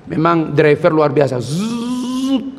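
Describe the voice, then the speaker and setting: A man preaching at a mosque, telling animated stories with jokes and frequent exclamations. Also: fairly high pitch, slow. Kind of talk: lively mosque sermon. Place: mosque hall. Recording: long mosque reverb.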